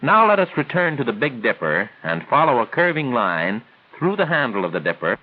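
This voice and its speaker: Narrating in the manner of a 1940s training film, a man reads scripted instructions formally and didactically, with measured phrasing. His mid-range voice is very animated, and the sound is narrow and tinny, a thin, band-limited 1940s soundtrack.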